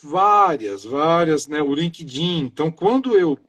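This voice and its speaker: A man's voice: on the high side, expressive, a little slow, a bit bright. A middle-aged man from Brazil, a maintenance engineer, talking earnestly in a casual live interview, stringing his thoughts together loosely. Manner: earnest, talks in loose chains of "então" and "né".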